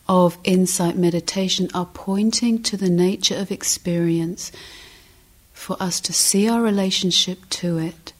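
A woman meditation teacher offers guided instruction in a fairly low, husky voice. She speaks gently and deliberately, using short phrases separated by long pauses.

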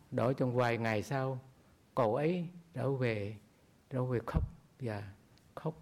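Man, Buddhist monk, dharma talk, gravelly voice, storytelling pace. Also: medium pitch, darkish tone. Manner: slow storytelling with quoted dialogue.

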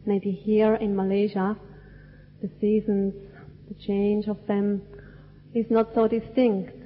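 Woman, from Switzerland, Buddhist teacher, dharma talk, very slow, deliberate phrasing, long hall reverb. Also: mid-range voice, level tone, dull audio, a little hiss or hum. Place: cinema hall.

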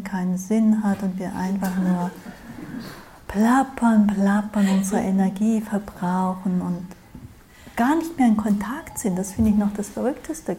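A woman's voice: fairly high pitch, mellow, slight background noise. A woman meditation teacher giving a dharma talk, speaking reflectively and often checking in with "ja?". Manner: slow, reflective, with frequent "ja?".

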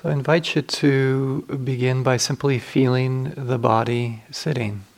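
A man of medium pitch guides listeners through meditation as their teacher, his tone steady and touched with vocal fry. He speaks softly and slowly, pausing at length.

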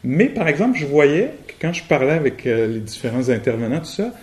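A man with a Québécois French accent giving a relaxed, colloquial and humorous meditation talk at a retreat, often laughing. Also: a little high, fairly quick. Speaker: meditation teacher. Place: retreat hall.

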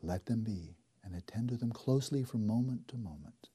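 A man guiding a meditation in a slow, soft, deliberate way, leaving long pauses between phrases. His voice sits somewhat low and is very dark and mellow, with a husky grain to it. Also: animated. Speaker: meditation teacher. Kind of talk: guided meditation.

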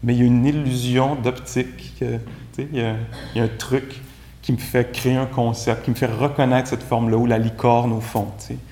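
A man with a Québécois French accent giving a relaxed, conversational Buddhist dharma talk as a meditation teacher, with gentle self-mocking humor. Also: medium pitch, a little fast, slight background noise. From Quebec. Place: room with a live group. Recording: echoey room recording.

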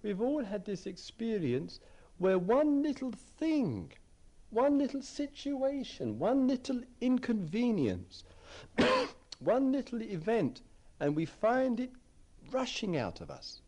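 A man's voice: extremely high pitch, big pitch swings, slow, darkish tone. A man giving a dharma talk as a meditation teacher, reflective, often repeating phrases as he searches for words.

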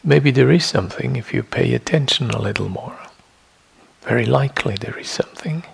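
Long pauses separate the measured, short phrases of a man leading a guided meditation in a meditation hall. He has a medium-pitched voice with a husky, gravelly texture.

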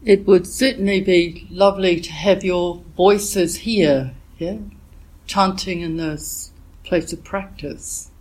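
A woman meditation teacher giving a dharma talk while she has a cold, reflective and gently searching for her words. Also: on the low side, steady tone, rough recording. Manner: reflective, unhurried, gently searching for words with frequent "yeah" and "you know". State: has a cold, voice a bit thick.

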